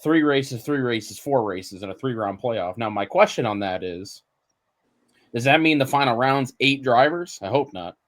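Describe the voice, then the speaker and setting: A blunt, opinionated man chats casually as a podcast guest and swears freely. His voice sits at an everyday middle pitch for a man, and he speaks plainly and directly. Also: animated, moderate pace, no echo. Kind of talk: casual chat.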